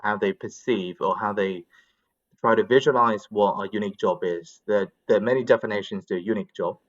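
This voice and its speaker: This man, taking part in English conversation practice, chats casually and gives his views wordily as he searches for the right terms. He has a lowish voice, talks a little quickly, and the audio has its highs cut off.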